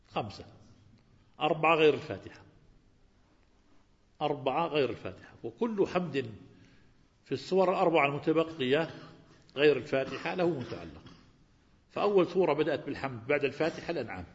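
A man teaching a Quran lesson, asking his students questions and repeating key words. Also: on the high side. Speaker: religious teacher. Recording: reverberant hall, dull lo-fi sound.

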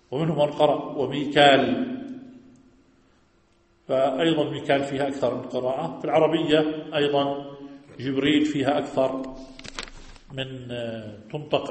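A man teaching a lesson on scripture, explaining it step by step and putting questions to his listeners. His voice is of middle pitch. The sound rings with a long hall reverb. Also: darkish tone. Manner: explaining, asks students questions. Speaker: teacher of Quran commentary.

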